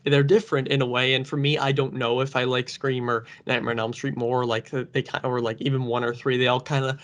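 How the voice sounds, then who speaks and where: A man's voice: mid-range voice, level tone, fairly quick, a bit bright. A man hosting a casual movie chat over a video call, talking enthusiastically and rambling a little. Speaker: podcast host.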